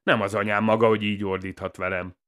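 A man's voice: sits low, expressive, fairly bright tone. A man doing a sneering psychopath gunman. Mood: menacing. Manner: taunting, mocking and theatrical. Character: sneering psychopathic male gunman, mocking and cruel. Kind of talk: audiobook character voice.

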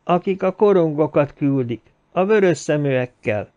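Egy férfi, aki egy nyugodt, révült férfit szólaltat meg, aki a szellemekkel beszél. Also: male voice, on the high side, animated, muffled recording, close to an everyday voice. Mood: dazed. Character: calm, dazed man speaking with spirits.

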